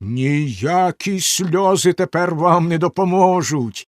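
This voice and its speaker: A man voicing a cruel, menacing nobleman husband in a storybook reading, with slow, stern, threatening delivery. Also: fairly high pitch, huge pitch swings, dry recording, studio quality, pitched above the performer's own voice, exaggerated voice. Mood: cold.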